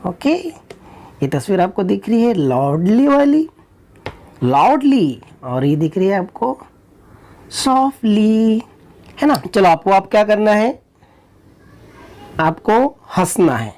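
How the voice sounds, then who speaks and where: A woman teaching a primary school English class online, slowly chanting action commands and then explaining them to young children in Hindi. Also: very animated. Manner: acts out loud and soft, high and hushed.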